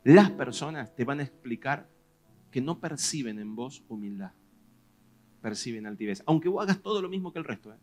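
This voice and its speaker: A man with a Rioplatense Spanish accent, a pastor preaching a sermon in a lively, conversational way, pressing questions on his congregation. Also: mid-range voice, moderate pace, soft background music. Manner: animated preaching, rising loud on questions to the congregation.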